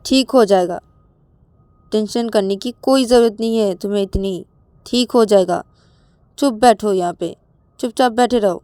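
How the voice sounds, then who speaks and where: A woman voicing a patient young woman who coaxes and reassures, repeating herself to calm someone. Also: mid-range voice, moderate pace, pauses often, clear, resonant tone, no room sound, natural voice. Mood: soothing.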